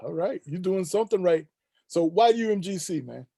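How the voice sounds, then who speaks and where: A man's voice: sits high, lively intonation, moderate pace, creaky, dark tone, husky, no room sound, studio quality. A male instructor on a video call, joking and teasing his students in a friendly way. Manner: joking, friendly teasing, uses "man" and "bro". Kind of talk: casual class chat.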